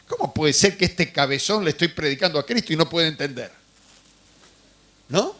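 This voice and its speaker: A man's voice: fairly high pitch, expressive, moderate pace, pushed and bright. A man preaching a sermon as pastor, telling stories and putting questions to the congregation. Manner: conversational storytelling with questions to the congregation.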